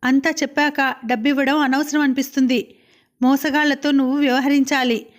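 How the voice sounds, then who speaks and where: A woman's voice: sits high, level tone, normal speed, natural voice. Woman reading as a worried, cautioning lover. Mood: anxious. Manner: anxious and cautioning. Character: worried young woman, the schemer's wary lover. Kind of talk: audiobook character reading.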